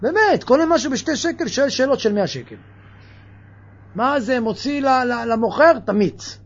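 A man giving a lively religious sermon, firing off mocking rhetorical questions. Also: very high voice, husky, muffled recording. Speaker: preacher.

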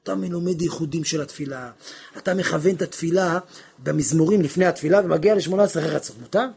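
Male rabbi-preacher, high husky voice, fervent sermon delivery that jumps from quiet to loud. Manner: impassioned, swings from hushed to shouting, acts out dialogues. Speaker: rabbi teaching on prayer. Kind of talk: religious lesson, sermon.

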